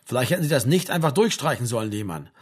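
A man voicing a gruff, joking army sergeant major who talks down to a soldier, read as an audiobook. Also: medium pitch, big pitch swings, fast. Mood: bossy. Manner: brusque, teasing, talks down. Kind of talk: audiobook reading.

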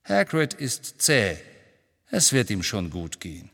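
A man reading an audiobook, voicing a restless grown man in hiding who reassures briskly with a bitter edge. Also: on the low side, huge pitch swings, vocal fry, fairly bright tone, big-room sound, full character voice. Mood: tense, bitter.

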